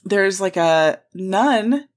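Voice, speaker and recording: A woman's voice: mid-range voice, lively intonation, extremely slow. A woman co-hosting a podcast in casual chat, telling stories animatedly with frequent laughs and swearing. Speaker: podcast co-host.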